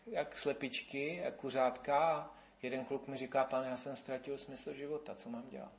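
A man's voice: medium pitch, a little hiss or hum. A man, preaching a sermon and acting out the voices of the people he quotes. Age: 50s. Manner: animated, rises and falls in loudness, acts out quoted voices.

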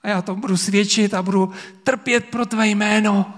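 A man's voice: high voice, steady tone, in a large hall, voice pushed up, natural voice. A man playing the apostle Thomas as a grown man who cries out in awed, fervent faith. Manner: fervent, exclaiming.

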